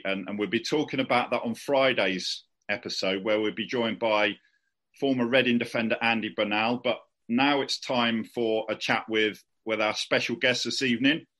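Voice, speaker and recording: A man's voice: fairly low pitch, steady tone, moderate pace, fairly bright tone. A man hosting a podcast interview in a chatty, casual way. He strings out long, rambling questions with many restarts and fillers. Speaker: podcast host.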